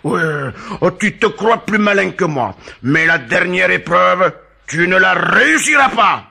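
A man's voice: medium pitch, expressive, normal speed, pushed and bright. A man voicing a vain, scheming nobleman count who is easily fooled, speaking in an exclaiming, indignant manner. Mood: vexed. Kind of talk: storybook character voice.

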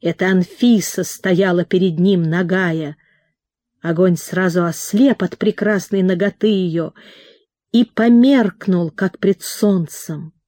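A woman narrating a novel as an audiobook, in a slow, measured literary reading on a close mic. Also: fairly low pitch, fairly even intonation, mellow, no room sound.

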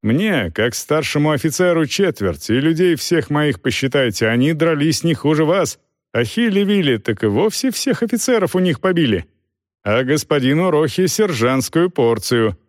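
Man doing a calm stern knight, flat and unbothered, lively pitch though. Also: moderate pace, no room sound, clean studio sound. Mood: businesslike. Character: calm, cool-headed knight commander. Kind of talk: audiobook character voice.

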